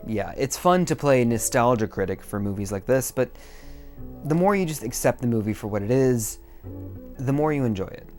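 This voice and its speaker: A man's voice: medium pitch, lively intonation, moderate pace, darkish tone. A young man getting drunker as he hosts a video essay, rambling casually with swearing and self-deprecating asides. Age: young adult. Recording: music behind the voice.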